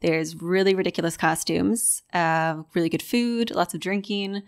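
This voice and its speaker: A woman's voice: lowish voice, fairly even intonation, moderate pace. A woman co-hosting a casual podcast chat, upbeat and saying "like" a lot. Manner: upbeat, frequent "like". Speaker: podcast co-host.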